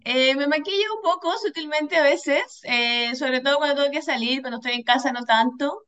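A woman's voice: sits high, moderate pace, fairly bright tone, muffled recording. A woman from southern Chile, a guest anthropologist, answering questions hesitantly with many fillers. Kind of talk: casual interview.

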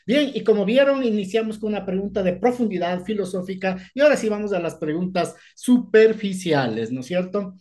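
A man's voice: high voice, lively intonation, brisk, hardly any pauses, darkish tone. A man hosting an academic podcast in a casual, joking way, with many fillers. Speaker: podcast host.

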